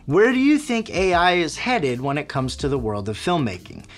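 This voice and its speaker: A man's voice: fairly high pitch, wildly swooping pitch, normal speed, soft background music. A man hosting a video tutorial, walking through editing steps in an upbeat, step-by-step way. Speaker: video creator and host. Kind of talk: scripted tutorial narration.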